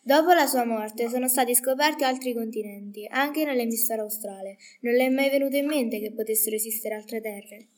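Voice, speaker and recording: A woman's voice: fairly high pitch, a little fast, few pauses. A teenage girl co-interviewing on radio, reading prepared questions formally.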